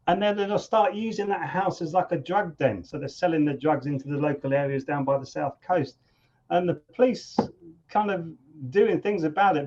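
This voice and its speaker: A man, a guest musician telling stories in a conversational interview, animated and often repeating words as he thinks. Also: fairly high pitch. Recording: dull lo-fi sound.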